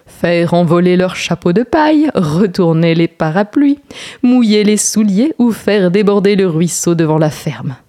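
A woman reading a children's story aloud in an expressive, lilting way. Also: on the low side, unhurried.

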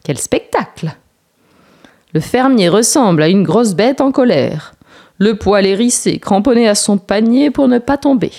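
A woman reads a children's story aloud with an expressive, lilting delivery. Her voice is warm and mellow, at a middle pitch. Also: measured pace.

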